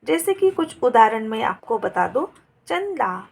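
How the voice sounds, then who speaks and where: A woman's voice: fairly high pitch, big pitch swings, a little slow, creaky. A woman teaching a grammar lesson, going through examples word by word in a patient, dictating manner.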